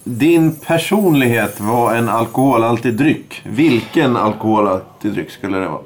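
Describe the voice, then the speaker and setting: A man hosts a loose podcast chat and asks the questions with a lively, swinging pitch. He swears easily and laughs often. Faint background noise sits under his voice. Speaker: host asking the questions.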